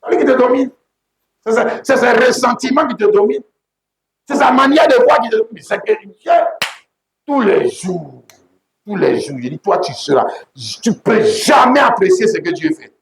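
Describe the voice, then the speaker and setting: A man preaching a sermon as pastor, emphatic and repetitive, often breaking into shouts. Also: very high voice, lively intonation, normal speed, slight background noise. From Côte d'Ivoire. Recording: echoey room.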